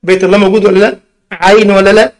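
High-voiced Egyptian man teaching in a mosque. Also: level tone. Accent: Egyptian Arabic. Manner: keeps asking the listeners questions and stretches key words slowly. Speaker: religious teacher. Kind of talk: mosque lesson in plain colloquial speech.

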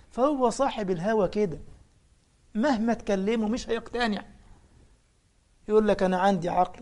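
A man with an Egyptian Arabic accent and a very high-pitched, creaky voice delivers a colloquial religious lesson. He tells anecdotes and fires off mocking rhetorical questions.

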